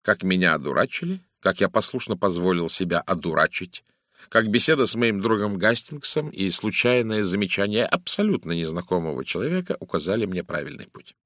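A man's voice: low voice, sing-song, a little fast, fairly bright tone, no echo, studio quality. A man voicing a fussy older male detective who lectures suspects in a precise, theatrical manner. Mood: lecturing. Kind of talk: audiobook character reading.

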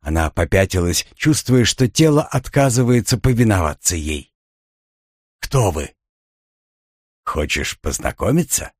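A man narrating a thriller audiobook in a measured, even storytelling delivery. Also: mid-range voice, dry recording, studio quality.

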